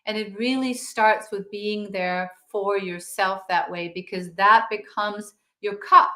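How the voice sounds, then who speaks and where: A soft-spoken Danish woman, a yoga teacher and author whose first language is Danish, speaks as a guest in a spiritual interview. Her manner is soft and meditative, drifting quieter, with a mid-range voice, fairly even intonation, and an unhurried pace in a roomy-sounding recording.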